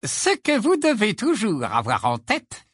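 A man voicing a tiny, earnest male wizard professor with a squeaky voice. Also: wildly swooping pitch, measured pace, a bit bright, husky, no room sound, clean studio sound, heavily acted. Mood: lecturing.

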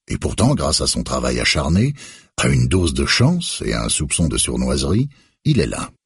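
A man reading a novel aloud in measured, expressive scripted narration. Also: extremely low pitch, vocal fry, breathy edge, no room sound, studio quality. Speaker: audiobook narrator.

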